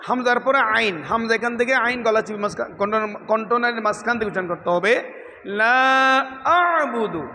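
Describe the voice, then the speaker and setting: High-voiced man teaching Quran recitation. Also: steady tone, sharp tone, big-room sound, slight background noise. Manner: chants verses slowly, then explains quickly and repeats sounds for students. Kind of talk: tajweed lesson with chanted recitation.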